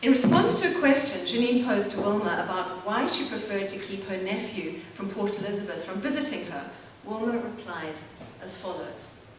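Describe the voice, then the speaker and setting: A woman's voice: medium pitch, lively intonation, normal speed, hardly any pauses. A woman giving an academic lecture, reading from a prepared text and adding spoken asides. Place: lecture hall. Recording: very echoey hall, distant mic, faint hum.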